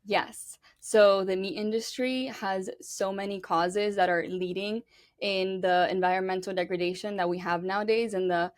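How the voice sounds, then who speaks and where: A woman's voice: medium pitch, steady tone, normal speed, no echo, clean studio sound. A young woman from Cuba with a Miami accent, chatting as an interview guest in an upbeat way with lots of fillers. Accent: Miami English. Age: young adult. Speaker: pageant contestant guest. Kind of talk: casual interview chat.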